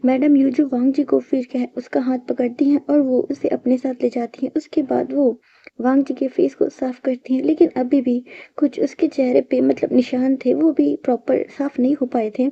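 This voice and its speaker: A woman narrating a fan fiction story in a lively way, acting out the characters' dialogue herself. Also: high-pitched, moderate pace, vocal fry, slightly rough. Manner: lively, raises voice for quoted lines. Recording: dull lo-fi dry recording.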